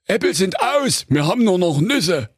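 A man's voice: high-pitched, big pitch swings, normal speed, breathy edge, no room sound, clean studio sound, pitched above the performer's own voice, exaggerated voice. A man voicing a greedy, bossy, cranky male wolf in a comic fairy-tale parody, squawking orders at his partner. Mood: impatient.

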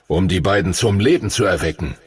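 Man voicing Happy, a deep grave old dragon. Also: fairly quick, husky, no echo, studio quality. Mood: scolding. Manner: stern, scolding, ominous. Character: ancient gruff male dragon mentor.

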